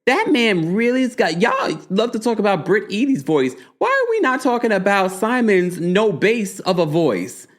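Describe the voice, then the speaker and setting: His voice sits high as he hosts an easygoing live recap of a reality show. Animated and gossipy, he keeps firing off quick comments to the chat.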